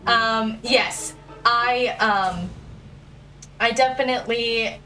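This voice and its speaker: A woman streaming a game, chatting casually and haltingly with many restarts. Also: on the high side, fairly even intonation, sharp tone, distant mic, soft background music, low-quality recording. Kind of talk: casual gameplay chat.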